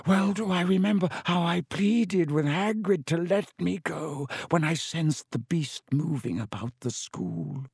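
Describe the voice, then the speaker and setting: Brief: a croaking old giant spider, grave and menacing, with an odd, higher voice, as a male narrator puts him on. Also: measured pace, hardly any pauses, a little mellow, no room sound, studio quality, heavily acted.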